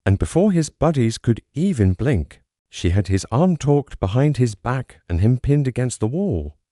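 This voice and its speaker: Guy telling a dramatic first-person story, really lively pitch, mellow warm tone. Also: normal speed, no room sound, studio quality. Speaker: narrator.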